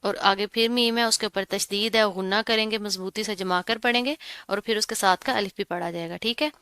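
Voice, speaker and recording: A woman giving a tajweed lesson, explaining rules patiently step by step and reciting words slowly with drawn-out sounds. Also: mid-range voice, fairly even intonation, sharp tone, smooth, no room sound, clean studio sound. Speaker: Quran recitation teacher.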